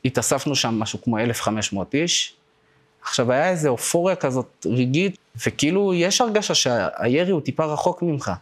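A man's voice: medium pitch, expressive. A man in his twenties giving personal testimony in a casual, slangy way, with broken-off phrases and repeated words. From Israel. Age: 20s.

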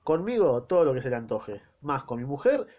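A man's voice: medium pitch, sing-song, fairly quick, close to an everyday voice. Argentine man reading as a jealous peasant husband, blunt and protesting, muffled lo-fi sound. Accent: Argentine Spanish.

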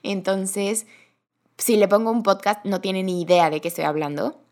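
A young woman with a Mexican accent, talking casually and chattily as a podcast host in a storytelling monologue. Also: mid-range voice. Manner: chatty, animated, quick bursts with laughter.

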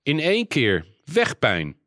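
Male narrator doing a jeering storybook brother, raised and loud, teasing tone. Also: fairly high pitch, wildly swooping pitch, slow pace, no room sound, clean studio sound, voice pushed up, exaggerated voice. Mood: mocking. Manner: jeering, mock-serious. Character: mocking older brother, a teasing boy.

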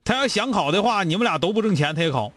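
Northeastern chinese guy hosting call-in advice, blunt, kinda high voice, really animated. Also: fast talker, no echo. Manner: blunt, scolding, rhetorical questions. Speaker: radio call-in show host.

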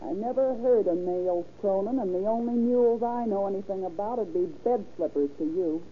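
A woman's voice: medium pitch, brisk, natural voice. Brassy American gun moll, played by a woman, old recording. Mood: defiant. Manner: wisecracking, slangy, tough. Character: brassy, defiant gangster's drug courier wife. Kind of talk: old-time radio crime drama acting. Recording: muffled, hissy vintage radio recording.

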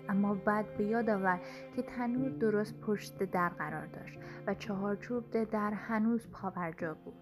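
A woman reading a story aloud at a calm, steady pace as narrator. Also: mid-range voice.

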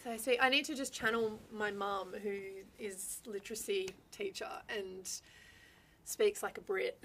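A woman's voice: medium pitch, fairly even intonation, unhurried, a little hiss or hum. A woman with a broad Australian accent chatting casually and frankly in a group. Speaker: conversation participant.

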